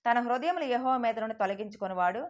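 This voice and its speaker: A woman preaching a sermon with fervent, rapid delivery, acting out God's voice and the pleas of believers. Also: on the high side, muffled recording.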